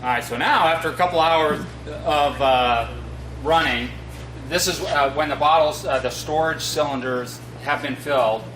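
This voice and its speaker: A middle-aged man giving an informal instructional demonstration in a halting, matter-of-fact way. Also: fairly high pitch, a bit bright. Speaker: fire district equipment trainer. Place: concrete-floored equipment room, indoors. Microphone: distant camera across the room. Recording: echoey, noisy, distant camera sound.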